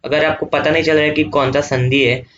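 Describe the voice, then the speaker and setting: A man teaching an online revision lesson, explaining slowly and repeating each step, checking often that students follow. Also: a little high, level tone, a bit bright, highs cut off. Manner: slow, repetitive explaining with frequent checks.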